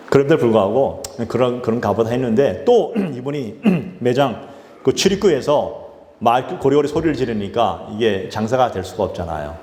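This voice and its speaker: A man's voice: medium pitch, darkish tone. A man, a pastor, telling a story in a sermon, with loose fillers and restarts along the way. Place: church sanctuary. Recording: echoey church hall with faint noise.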